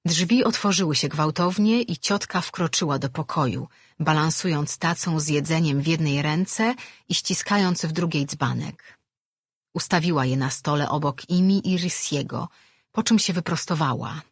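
A woman narrating an audiobook in an even, measured storytelling manner. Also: low-pitched, husky, no echo, clean studio sound. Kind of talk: scripted narration.

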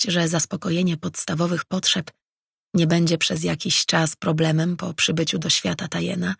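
An audiobook narrator reading scripted fantasy narration in an even, steady way, close to the mic. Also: mid-range voice, vocal fry, slightly rough, dry recording.

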